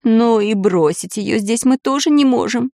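A woman's voice: measured pace, creaky, dark tone, no echo, studio quality. Woman doing a squeamish, fussy wife. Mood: disdainful. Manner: shrill exclamations, disdainful fussing.

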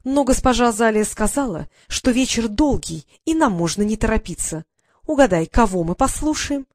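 Woman playing a mocking boy, taunting, slow sing-song, dry close sound. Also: fairly high pitch, animated, a little mellow, no echo, close to an everyday voice. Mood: menacing. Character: teasing older brother, a mocking boy.

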